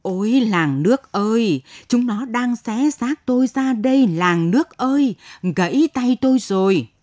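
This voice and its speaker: A woman's voice: fairly high pitch, animated, unhurried, darkish tone, voice pushed up. A woman voicing a frail, very old village mother who gasps out strained cries. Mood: anguished.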